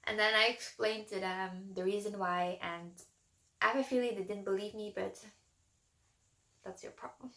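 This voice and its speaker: A woman in her twenties talks casually and openly to her viewers, her speech loose and full of "like" and "you know." Her voice sits at an ordinary middle pitch. The sound carries a noticeable room echo. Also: fairly even intonation, normal speed, a bit bright. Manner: frank, chatty, many "like"s and "you know"s. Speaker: vlogger. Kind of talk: casual personal talk to camera. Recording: echoey room.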